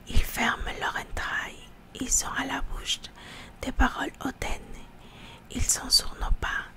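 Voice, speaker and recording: A woman reading scripture aloud for ASMR in a hushed library whisper, halting now and then to repeat words. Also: sits high. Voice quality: hushed library-style whisper, mostly unvoiced.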